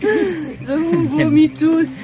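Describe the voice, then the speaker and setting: An actress playing a feverish, delirious spy woman in a radio drama, rambling between hushed words and outbursts. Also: sits high, extremely slow.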